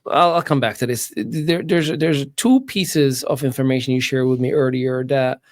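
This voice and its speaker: A man's voice: mid-range voice, normal speed. A man from Morocco, hosting a podcast interview and talking in a hesitant, conversational way with many restarts. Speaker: podcast host.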